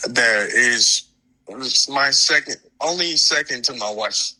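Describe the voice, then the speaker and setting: A man's voice: mid-range voice, slow pace, pushed and bright, poor audio. A man calling in to an advice show who talks in a casual, blunt way. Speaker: caller. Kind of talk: phone-in call.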